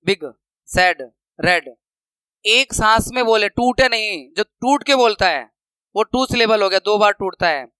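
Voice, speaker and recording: A man teaching a grammar lesson, patiently explaining slides and slowly repeating example words. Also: sits high, bright, forceful tone, smooth, no echo, poor audio.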